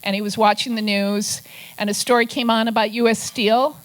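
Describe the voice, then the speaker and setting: A slightly high, steady-toned woman speaks at normal speed on a low-quality recording. She's an older Minnesotan investigative journalist recounting stories to a press club, with wry asides and gruff quoted voices.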